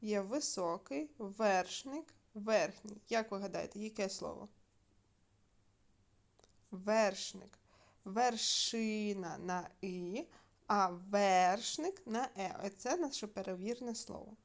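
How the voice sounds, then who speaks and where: A woman teacher recording a video lesson for young pupils. She dictates words slowly and clearly and stretches the syllables she wants the children to hear. Her pitch stays at a middle height, and small fillers slip in as she moves between steps. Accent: Ukrainian. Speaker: primary school teacher.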